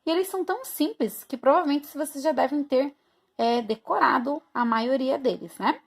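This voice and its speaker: A woman's voice: high-pitched, normal speed, gravelly. A woman teacher from Brazil, recording a review lesson for her students and explaining each point step by step while checking in with them often.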